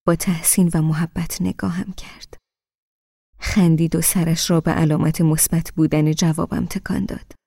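Woman audiobook narrator, first-person novel, gravelly, dark voice, soft-spoken, dry close sound. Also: low voice, level tone, dry recording.

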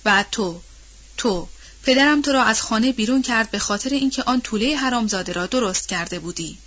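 Woman reading as a fiery proud young woman, sharp and scornful, kinda dull muffled recording. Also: mid-range voice, slightly rough. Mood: furious.

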